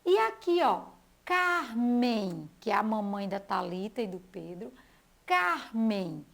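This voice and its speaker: Her mid-range voice is gravelly and very animated as this Brazilian Portuguese-accented teacher leads a televised school lesson for small kids, stretching each name and syllable slowly.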